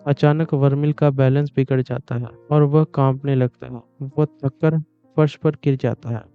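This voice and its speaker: A man narrating a comic story recap in a smooth, flat, even reading. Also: mid-range voice. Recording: dull lo-fi with music behind.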